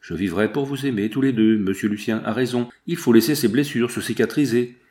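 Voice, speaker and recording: A man's voice: mid-range voice, a little fast, darkish tone, lightly acted. A man reading the part of a passionate young woman in love, pleading and emotional. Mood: resolute.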